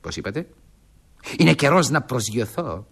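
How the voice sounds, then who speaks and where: Husky young guy, daydreamy and then panicky, voice swings all over. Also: medium pitch, big pitch swings, a bit bright, exaggerated voice. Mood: dreamy. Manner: dreamy and grand, then frantic and pleading on the phone. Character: dreamy young man, flustered fibber.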